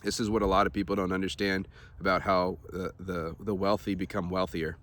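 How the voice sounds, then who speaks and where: A man vlogging in a relaxed, rambling way, with many ums and uhs, talking to his viewers. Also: low voice, fairly quick. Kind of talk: casual talk to camera.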